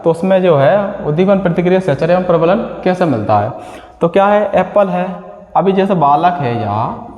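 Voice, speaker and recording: A man's voice: high voice, lively intonation, normal speed, darkish tone, muffled recording. A male teacher giving an exam-prep lecture, often asking a question and then answering it himself with a repeated key word. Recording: echoey room with long reverb.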